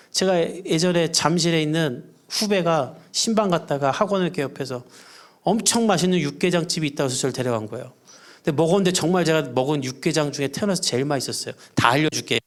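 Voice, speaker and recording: Middle-aged pastor delivering a church sermon in an earnest, chatty way, voice on the higher side for a man. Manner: earnest, conversational preaching with everyday examples. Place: church service.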